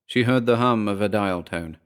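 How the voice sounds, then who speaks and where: Reading a scripted horror tale, a fairly low-voiced man narrates with measured drama, his tone clean.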